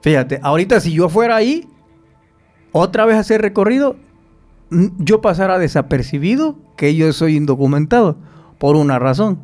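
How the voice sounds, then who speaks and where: Soft music plays behind this podcast guest, a man with a high voice and moderate pace. Telling stories during the interview, he animatedly acts out the voices of the people he quotes.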